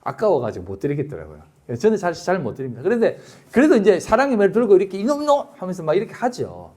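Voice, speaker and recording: A man's voice: high-pitched, very fast. A middle-aged man, a pastor giving a sermon, telling stories and acting out quotes with laughter. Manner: storytelling with lively acted-out quotes and laughter.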